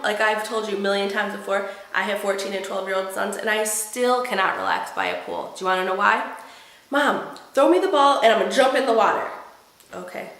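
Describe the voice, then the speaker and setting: A woman's voice: mid-range voice, gravelly, fairly bright tone, echoey room, poor audio. A woman with a cold talking to camera about motherhood in a chatty, wry, self-mocking way. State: has a cold. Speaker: mom vlogger. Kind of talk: casual chat to camera.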